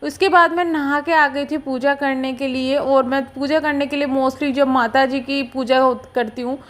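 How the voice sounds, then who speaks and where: A young woman with a high, light voice narrates her everyday home vlog. She talks in a relaxed, confiding way, as if chatting with a close friend. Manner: chatty, confiding and unhurried, talking to viewers like a friend. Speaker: vlogger.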